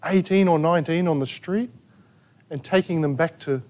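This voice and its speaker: High-voiced Australian preacher. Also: male voice, moderate pace. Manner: emphatic preaching with rhetorical questions and sharp asides. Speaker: pastor. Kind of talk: sermon. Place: church gathering in a rented hall.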